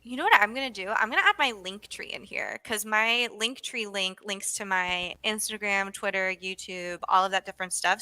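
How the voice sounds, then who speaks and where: This woman's voice is medium-pitched, bright, forceful, clear and resonant, captured in a dry recording. She hosts a casual livestream, chatting with a guest and reading the chat in a bubbly, exclamatory way, with frequent "ooh"s and laughs.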